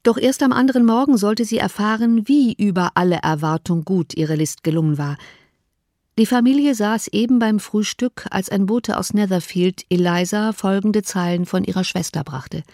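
A woman narrating an audiobook of a classic novel in an even, measured way. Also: medium pitch, no echo, clean studio sound.

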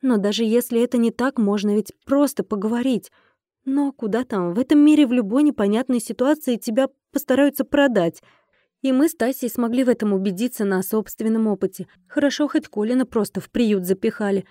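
A woman narrating a first-person romantic fantasy audiobook in a steady, wry tone. Close studio miking with a dry sound and no room behind it. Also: fairly high pitch, a little fast, dry recording.

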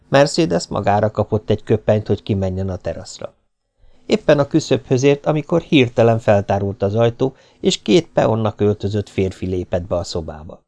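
Man narrating an audiobook, kinda gravelly voice, steady even reading. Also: lowish voice.

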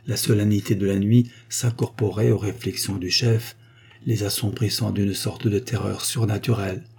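Warm, husky male narrator. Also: lowish voice, steady tone, moderate pace. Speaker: audiobook narrator. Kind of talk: scripted story narration.

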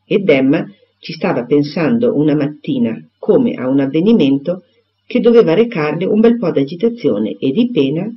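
A man narrating a classic novel as an audiobook, with expressive storytelling. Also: on the high side, moderate pace. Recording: dull lo-fi recording.

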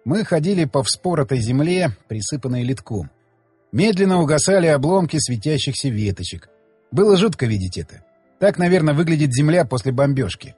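A man narrates an audiobook in the first person, telling the story with expressive emphasis. His voice is somewhat high and husky with a very lively melody. The sound is dry and close, with faint music underneath. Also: a little fast, dry recording.

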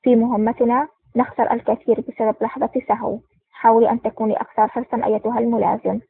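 A woman's voice: a little high, flat delivery, quick pace, vocal fry, husky. Woman reading as a curt male spy officer. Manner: curt and dry. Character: stern male intelligence officer, terse and proud. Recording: tinny phone-like sound.

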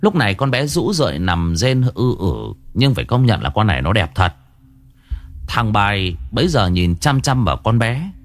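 A man narrating a first-person ghost story in an expressive storytelling manner. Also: fairly low pitch, normal speed.

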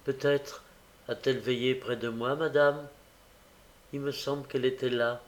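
A man's voice: mid-range voice, steady tone, normal speed, lightly acted. A frail, feverish little boy in an audiobook, faint and wistful, barely able to speak above a murmur. A man reads him close to his own voice. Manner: faint, wistful, soft-spoken. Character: weak, feverish, gentle young boy. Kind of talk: audiobook character reading.

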